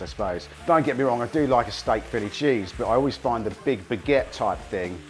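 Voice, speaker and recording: A man hosting a casual cooking demonstration, hoarse from a cold, chatting enthusiastically to viewers as he cooks. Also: mid-range voice. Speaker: cooking show host.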